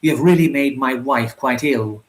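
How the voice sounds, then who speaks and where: A man's voice: mid-range voice, moderate pace, close to an everyday voice. A man voicing a haughty, stiffly polite aristocratic husband, in a storybook reading.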